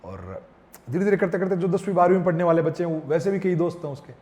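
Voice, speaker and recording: Fast, animated storytelling man. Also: high voice. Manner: fast, animated anecdotes acting out a child's and his own lines. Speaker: father talking as podcast guest. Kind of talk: casual podcast storytelling. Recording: long reverb.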